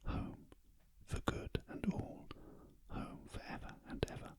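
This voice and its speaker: A man's voice: very high-pitched, exaggerated voice, rough recording. British man's whispered role-play of an eager little girl. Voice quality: soft breathy whisper. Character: tender, eager little girl, affectionate younger sister.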